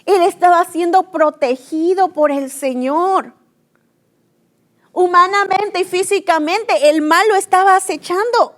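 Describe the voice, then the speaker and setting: High-voiced woman preaching a sermon. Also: unhurried. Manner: earnest storytelling of scripture, acting out quoted cries.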